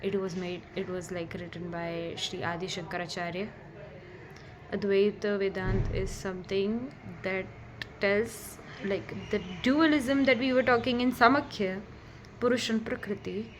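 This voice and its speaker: A woman in a casual vlog, explaining scriptures with chatty, excitable asides and frequent restarts. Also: medium pitch, a little slow, background noise.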